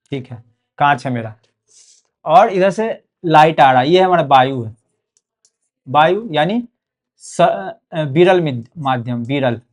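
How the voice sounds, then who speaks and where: A young man with a Bihari Hindi accent teaching a board exam physics lesson, repeating key terms and checking in often with "okay". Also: mid-range voice. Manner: repetitive, drills key words, frequent "ठीक है".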